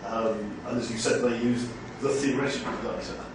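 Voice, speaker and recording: A man, a university lecturer, making a measured, hesitant comment from the audience at a seminar in a small room. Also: mid-range voice, steady tone. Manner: measured, hesitant with many ums. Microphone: far room camera mic. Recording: echoey room from far off, background hiss.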